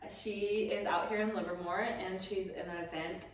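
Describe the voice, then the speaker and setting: A woman's voice: mid-range voice, fairly even intonation, normal speed, a little hiss or hum. A woman hosting a casual wine-tasting interview, bubbly and encouraging toward her guest. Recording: echoey room, mic at a distance.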